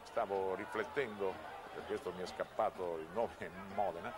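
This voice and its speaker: A man's voice: low-pitched, moderate pace. A man giving live television football commentary, describing the play as it runs and adding reflective asides. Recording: noisy old TV broadcast audio. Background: outdoor stadium ambience.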